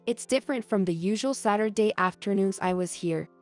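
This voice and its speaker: A young adult woman reading a first-person story aloud as narrator, in a soft, earnest storytelling manner. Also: medium pitch, brisk, soft background music.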